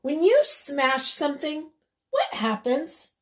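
A woman teacher reading a picture book aloud to children, pausing to ask them questions and sometimes dropping to a whisper. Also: high-pitched, big pitch swings. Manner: gentle, asks the children questions, drops to whispers. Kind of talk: children's read-aloud lesson.

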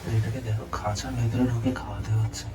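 A man with a Bengali accent speaking quietly to camera in a casual vlog aside. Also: on the low side, level tone, quick pace.

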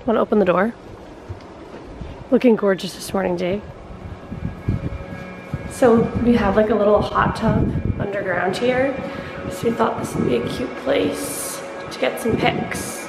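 A woman's voice: mid-range voice, unhurried, pauses often, over music, rough recording. A woman, chatting casually to a handheld vlog camera. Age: 20s. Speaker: vlogger. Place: holiday villa, mostly outdoors by pool and garden. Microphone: handheld camera at arm's length or propped nearby.

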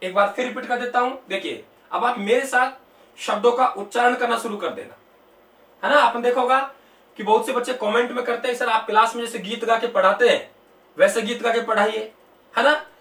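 A man teaching an exam-prep lesson through a memory story, reciting slowly and asking questions that he answers himself. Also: very high-pitched, fairly even intonation, sharp tone. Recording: echoey room, mic at a distance.

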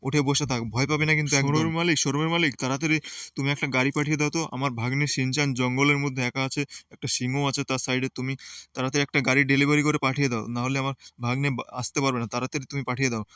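A man's voice: medium pitch, flat delivery, racing, fairly bright tone, clean tone, no echo, studio quality, natural voice. A man voicing a bossy but caring uncle who reassures and lectures his nephew. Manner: reassuring, lecturing, repeats "ঠিক আছে". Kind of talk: game play voice acting.

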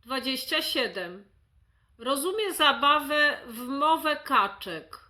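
Slow, high, bright-voiced woman therapist. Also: expressive. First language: Polish. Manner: slow, careful, articulating example words. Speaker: speech therapist. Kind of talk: reading a checklist aloud.

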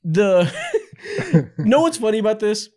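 A man's voice: high-pitched, big pitch swings, unhurried, warm tone. A man co-hosting a casual sports podcast, blunt and laughing often. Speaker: podcast co-host.

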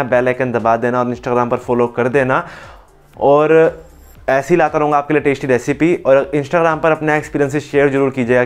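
A man's voice: mid-range voice, clear, resonant tone. A young man hosting a cooking channel, explaining each step in a chatty, step-by-step tutorial voice-over. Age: young adult.

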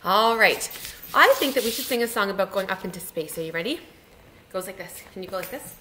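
A young woman leading online circle time for children, chanting and singing in an animated, encouraging way. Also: medium pitch, brisk. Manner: animated, sing-song, encouraging. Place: home room. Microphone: webcam. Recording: echoey room with faint noise.

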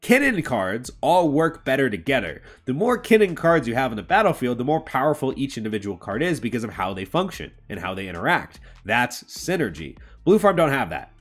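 A man's voice: mid-range voice, big pitch swings, brisk, few pauses. A man in his thirties, a podcast co-host on a video call from home, arguing strategy emphatically and swearing freely. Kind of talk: casual strategy discussion. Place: home room.

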